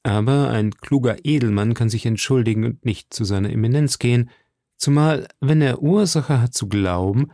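A man voicing a gallant, poetic young musketeer who speaks in a measured, courtly way. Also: medium pitch, dark tone, dry recording, studio quality, close to an everyday voice. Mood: cautious.

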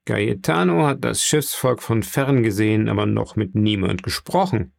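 A man's voice: lowish voice, moderate pace, gravelly, no room sound, studio quality. A man voicing a grown sailor who answers respectfully and evasively. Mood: guarded. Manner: respectful, addresses his listener formally. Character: adult male sailor, guarded and evasive.

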